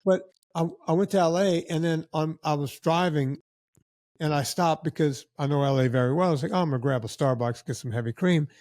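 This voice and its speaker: A man guest on a podcast, telling casual stories in an animated way and acting out what other people said. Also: a little high, fairly quick, no room sound, clean studio sound. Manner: animated anecdotes with acted-out quotes of other people. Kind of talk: casual storytelling.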